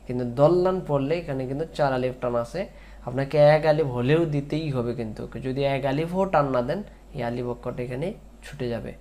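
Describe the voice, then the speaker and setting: A man teaching Quran recitation, drawing out the verses in a slow chant between spoken explanations. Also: medium pitch, mellow. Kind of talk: tajweed lesson with chanted recitation.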